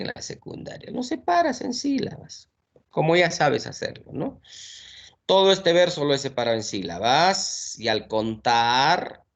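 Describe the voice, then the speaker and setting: A man's voice: medium pitch, creaky, a bit bright. A man, teaching an exam-prep lesson step by step and checking in with frequent tag questions.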